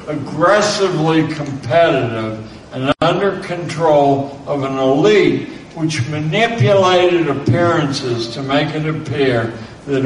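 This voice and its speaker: Slow, measured man in a roomy space. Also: on the high side. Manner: measured, spells out names letter by letter. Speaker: lecturer. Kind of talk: reading a lecture aloud. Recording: roomy, distant mic with faint background noise.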